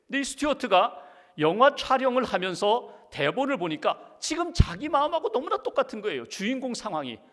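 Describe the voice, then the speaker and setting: A man's voice: very high-pitched, very animated, a little fast, a bit bright. A middle-aged man, a pastor, preaching a sermon with earnest conviction, at times pleading in prayer. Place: large church sanctuary. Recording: church hall reverb.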